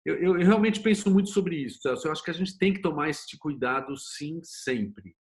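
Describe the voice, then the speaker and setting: With a voice on the high side and a normal speaking speed, this Brazilian interview guest, who works as a screenwriter and series producer, holds forth conversationally. He's opinionated and animated, asking rhetorical questions and performing quotes as he tells his stories.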